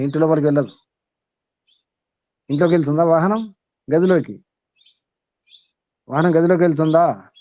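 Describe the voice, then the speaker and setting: A man's voice: fairly high pitch, a little mellow. A man giving a spiritual teaching to listeners. He asks them questions, repeats key words, and chuckles now and then. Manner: chuckles between points. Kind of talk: question-and-answer spiritual discourse. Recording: slightly dull, dry recording.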